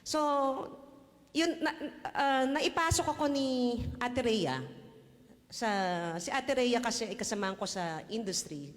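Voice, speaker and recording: A woman's voice: fairly high pitch, expressive, unhurried, in a large hall. A woman with a Filipino accent giving a casual personal faith testimony, chatty, laughing often and tossing in tag questions. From Philippines. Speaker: church testimony speaker.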